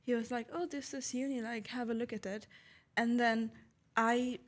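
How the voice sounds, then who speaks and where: A woman's voice: on the high side, fairly even intonation. Chatty young woman from Nepal. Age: young adult. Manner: chatty, many "like" and "um" fillers, quick to laugh. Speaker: guest, international law student. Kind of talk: casual podcast chat.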